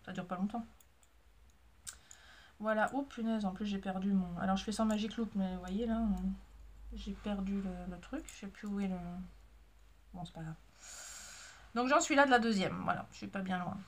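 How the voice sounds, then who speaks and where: A mother who vlogs about sewing and knitting chats casually with her viewers to camera in a rambling, self-deprecating way, full of fillers. Her voice is medium-pitched and moderately paced with frequent pauses, and there is slight background noise.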